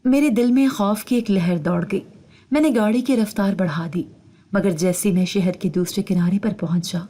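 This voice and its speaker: A woman reads a moral tale aloud in first person, her voice mellow and warm. She keeps a measured, suspenseful pace, building tension line by line. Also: medium pitch. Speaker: storyteller. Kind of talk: scripted narration of a moral story.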